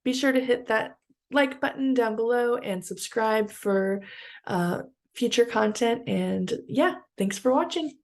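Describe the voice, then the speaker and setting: A woman's voice: fairly high pitch, measured pace, a little mellow. A woman vlogger in upbeat, chatty talk to camera, with many fillers. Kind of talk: casual vlog chat.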